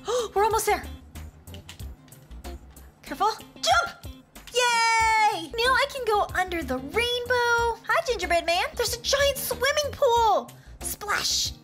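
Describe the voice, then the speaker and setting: Bubbly high-voiced woman gaming host. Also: animated, measured pace, pauses often. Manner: bubbly, exclamatory, sing-song. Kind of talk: excited kids' gameplay commentary. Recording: music playing behind.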